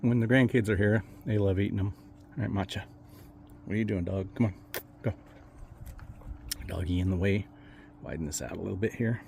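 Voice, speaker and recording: A man's voice: on the low side, brisk, creaky, long pauses, a little mellow, slight background noise. Easygoing older man touring his garden. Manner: easygoing, meandering, plain-spoken. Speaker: home gardener. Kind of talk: casual garden walkthrough. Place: outdoors in a backyard garden.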